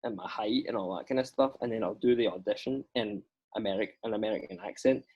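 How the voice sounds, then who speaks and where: Husky Scottish man, chatty. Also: on the low side, fast talker, highs cut off. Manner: chatty, animated storyteller with many fillers. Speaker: actor guest. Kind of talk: casual podcast chat.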